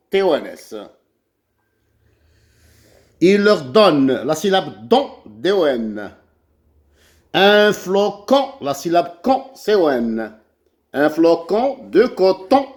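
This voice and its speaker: A man with an Algerian French accent teaching a children's reading lesson, spelling out syllables letter by letter. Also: fairly high pitch. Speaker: primary school teacher.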